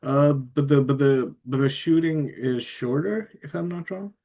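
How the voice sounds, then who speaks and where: A man's voice: medium pitch, warm tone. Hesitant male interview host. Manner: hesitant, halting phrasing with many "uh"s. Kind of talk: casual interview questions.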